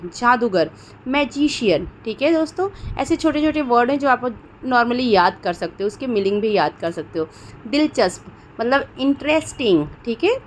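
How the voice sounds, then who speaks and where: A woman's voice: on the high side, slight background noise. Indian woman teaching English vocabulary. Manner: repeats "theek hai doston" often and asks questions before giving answers. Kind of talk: spoken vocabulary lesson.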